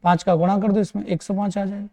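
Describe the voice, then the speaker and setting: A man teaching an exam-prep math lesson, brisk and reassuring, often checking in with his students. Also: high-pitched, flat delivery, warm tone, long reverb tail.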